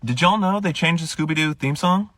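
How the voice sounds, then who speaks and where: A man, a substitute teacher, explaining made-up slang in a playful deadpan comedy monologue. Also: fairly high pitch, brisk, no echo, studio quality. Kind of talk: comedic social media monologue.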